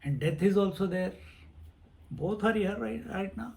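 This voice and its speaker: A man's voice: high-pitched, expressive, unhurried, vocal fry, darkish tone. A man giving a spiritual discourse on scripture, repeating phrases and chanting verses. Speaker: swami teaching scripture.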